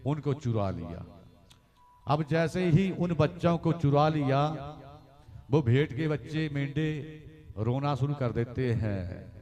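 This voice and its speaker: Slow-paced male katha preacher. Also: on the high side. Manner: storytelling, often addresses listeners as "maharaj"; chants Sanskrit verses in a singing voice. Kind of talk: devotional storytelling sermon.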